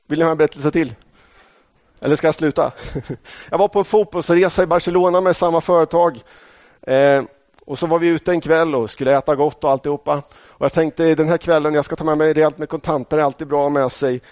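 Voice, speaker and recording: A man's voice: on the high side, steady tone, darkish tone, no echo. A middle-aged man from Sweden preaching a sermon, telling stories from his own life in a conversational way and speaking straight to the congregation. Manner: storytelling, conversational, addresses the congregation directly.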